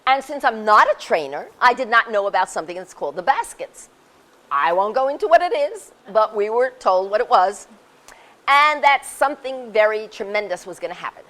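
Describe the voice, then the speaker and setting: A woman in her sixties telling her story in a casual, animated way, laughing often and acting out what people said. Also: medium pitch, moderate pace. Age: 60s. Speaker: speaker sharing her experience. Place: community center hall.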